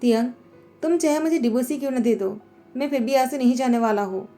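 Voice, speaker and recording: A woman reading the part of a young husband who is hurt yet refuses to give way. Her delivery is insistent and pleading, slightly high and mellow, with faint music running under the storytelling recap. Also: fast talker, close to an everyday voice.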